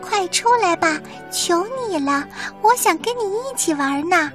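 A woman's voice: very high-pitched, animated, unhurried, over music, pitched above the performer's own voice. A woman voicing a chirpy little female blackbird who talks in a coaxing way.

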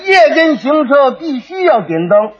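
A man plays the supporting partner in a traditional crosstalk act, firing back questions and retorts. His voice is very high and swings widely in pitch. It comes through a dull old archive recording. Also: sing-song. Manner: quick retorts and prompting questions. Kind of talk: traditional crosstalk comedy performance.

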